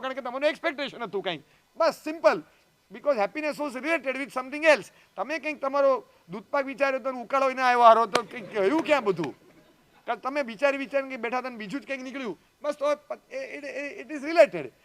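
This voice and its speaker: High-voiced monk telling a story. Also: male voice, brisk, a bit bright, slight background noise. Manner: storytelling, acts out dialogue, asks the audience questions. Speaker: Jain monk giving a discourse. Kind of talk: sermon with acted anecdotes.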